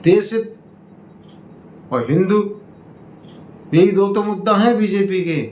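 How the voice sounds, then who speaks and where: Guy giving a community political speech, kinda high voice, drawn-out emphatic delivery. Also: darkish tone, slight background noise. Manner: slow, emphatic oratory that swings between raised appeals and low warnings. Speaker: party state president. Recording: echoey room, faint ambience.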